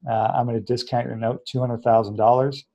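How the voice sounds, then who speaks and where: A man's voice: mid-range voice, flat delivery, brisk, lo-fi sound. A man guesting on an interview show, earnestly telling his story and acting out the voices of people he quotes. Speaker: interview guest, treatment center founder.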